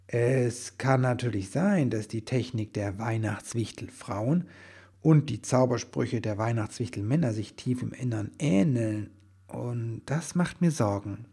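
A man voicing an anxious, earnest male Christmas elf in a storybook reading, husky, hesitant and sometimes rushing. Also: mid-range voice, dark tone. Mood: worried. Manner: hesitant, then tumbling out words.

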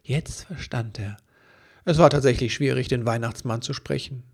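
A man reading a children's story aloud, lively and doing voices for the characters. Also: mid-range voice, normal speed, vocal fry, husky. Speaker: narrator.

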